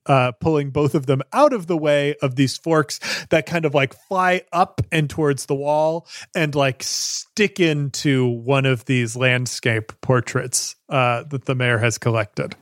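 A man's voice: mid-range voice, unhurried, no echo, studio quality. A man narrating a tabletop game as game master, casual and conversational, improvising as he describes scenes.

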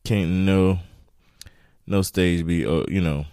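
Deep voiced guy just rambling on his podcast, casual and animated, dry studio sound. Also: slow, clean tone, no room sound. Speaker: podcast host. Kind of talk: casual solo morning podcast chat. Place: home studio.

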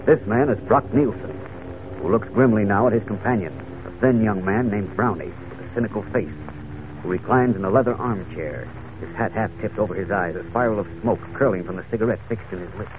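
A man's voice: fairly low pitch, fairly quick. A man with an American accent narrating a radio serial in dramatic, scripted 1940s style. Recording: narrow old radio recording. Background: music.

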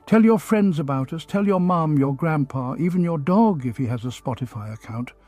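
A man narrating a podcast outro in a theatrical, gently mocking, soothing scripted style. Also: a little high, lively intonation, normal speed, no echo, faint music behind.

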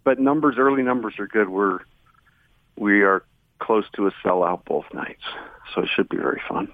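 A man's voice: on the low side, moderate pace, dry recording. American man on a tinny phone line. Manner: joking, banter with the hosts. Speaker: radio show guest. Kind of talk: casual phone interview chat.

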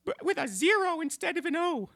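A woman producer chiming in on a comedy podcast with dry, joking asides. Her voice is very high and bright, with a gravelly fry underneath. Her pitch bounces lively from line to line. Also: fairly quick, no room sound. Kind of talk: improvised comedy banter.

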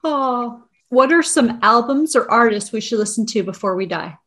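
A woman's voice: fairly high pitch, animated, normal speed, fairly bright tone. A woman hosting a casual interview, asking questions in a friendly, upbeat manner. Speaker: interview host.

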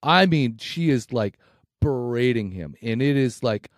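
A man co-hosting a podcast, telling stories in a casual chat full of swearing and animated retellings. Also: mid-range voice, unhurried, no room sound, clean studio sound. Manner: swears constantly, animated storytelling. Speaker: podcast co-host.

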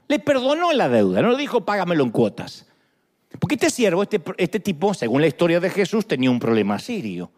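A man, preaching a sermon as a joking, animated storyteller. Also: high voice.

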